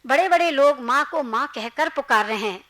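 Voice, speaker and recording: A woman's voice: high voice, lively intonation, moderate pace, pushed and bright. A woman speaking at a seminar, telling devotional anecdotes in an earnest storytelling manner and voicing the characters' dialogue.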